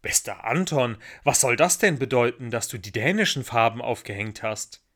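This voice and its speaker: A man's voice: medium pitch, expressive, normal speed, fairly bright tone. A man voicing a prim, fussy lady guest in a storybook reading, sounding indignant.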